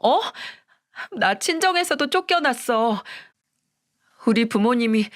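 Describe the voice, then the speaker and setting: A woman's voice: fairly high pitch, animated, slow, pitched above the performer's own voice. A woman voicing a clingy young wife who whines and begs. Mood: pleading. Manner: whiny, begging.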